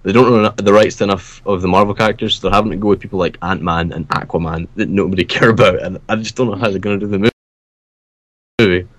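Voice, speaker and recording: A man's voice: low voice, steady tone, fast talker, fairly bright tone, dry recording. A man co-hosting a casual podcast, rambling and tripping over his words. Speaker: podcast co-host. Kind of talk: casual chat.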